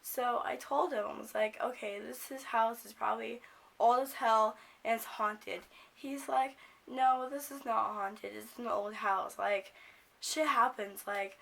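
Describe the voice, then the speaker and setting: A young American woman tells a story in an informal, rambling way. Her voice is fairly high but croaky and creaky, with a smoker's rasp brought on by a cold. She talks casually and swears freely. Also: steady tone, measured pace, a bit bright. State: sick with a cold, coughing. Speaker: video blogger.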